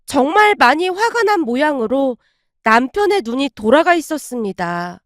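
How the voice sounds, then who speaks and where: A woman narrating a first-person family story, reading every part herself and raising her voice for the shouting. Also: high voice, dry recording, clean studio sound.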